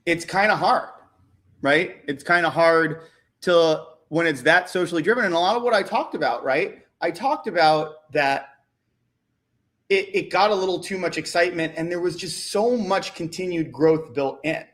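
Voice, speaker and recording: A man heard over a video call, his voice sitting a little high for a man. He talks stocks in a loose, halting way, doubling words as he goes and checking in with "right?". It sounds like an unscripted livestream chat. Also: a bit bright. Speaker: stock market analyst. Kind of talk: casual livestream market chat.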